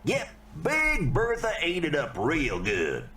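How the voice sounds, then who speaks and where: An actor playing a gruff, folksy old fisherman in a video game, with an old-timer's excitable way of talking. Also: fairly high pitch, slow, roomy sound, a little hiss or hum, full character voice. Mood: folksy, excited. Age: older. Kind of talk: video game character dialogue.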